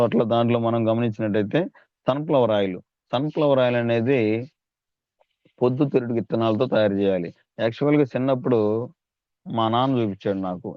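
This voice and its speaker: A man's voice: lowish voice, dry recording, lo-fi sound. A man giving a persuasive sales training talk, calling on his listeners and asking rhetorical questions. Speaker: network marketing trainer.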